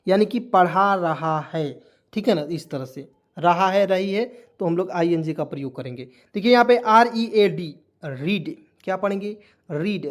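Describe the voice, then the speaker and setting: A man teaching English vocabulary. He keeps asking his viewers what each word means and then repeats the answer. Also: sits high. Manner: drills words, repeats questions to viewers. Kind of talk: lesson.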